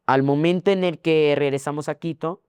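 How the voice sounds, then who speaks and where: Young Ecuadorian man, smooth rambling voice. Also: on the high side, steady tone, moderate pace, a little mellow, no echo. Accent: Ecuadorian Spanish. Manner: rambling, repeats phrases, frequent fillers. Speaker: guest. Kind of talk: casual interview.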